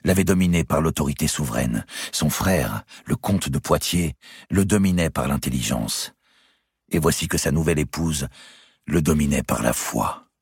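A man narrating a historical novel as an audiobook, in a measured, dramatic way. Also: extremely low pitch, breathy edge, no room sound, clean studio sound.

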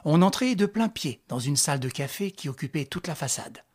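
Husky, measured audiobook narrator. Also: mid-range voice. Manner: even, measured storytelling.

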